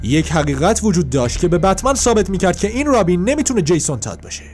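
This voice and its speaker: Faint, gentle music sits under this comic book narrator, a man with a rather high voice. He recounts the comic panel after panel, keeping his delivery even and unadorned.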